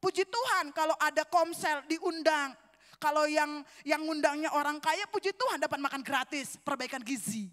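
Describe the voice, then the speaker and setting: A woman preaches a sermon in a high voice, rising to loud exclamations and then dropping to soft, low asides. She keeps turning to address the congregation. Her voice rings out in a church hall with a long, lingering reverb. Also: moderate pace. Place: church sanctuary.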